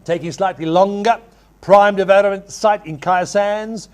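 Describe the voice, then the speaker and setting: Man, high voice, auctioneer, live property sale delivery, formal address, repetitive bid calling. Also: steady tone, clean tone. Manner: repeats figures in rapid chant when taking bids.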